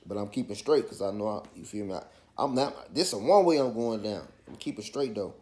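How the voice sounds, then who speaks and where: A man's voice: lowish voice, expressive, fairly quick, darkish tone. A man with a Chicago accent telling a personal story in a casual, slangy street style, often checking in with the listener. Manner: slangy, with frequent checking tags like "you feel me". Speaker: vlogger.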